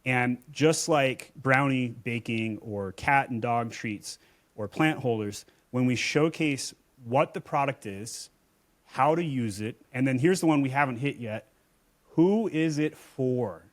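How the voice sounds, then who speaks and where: A man's voice: medium pitch, slow. A man, an Amazon seller and agency owner, speaking as a guest in a casual podcast conversation in a blunt, emphatic way.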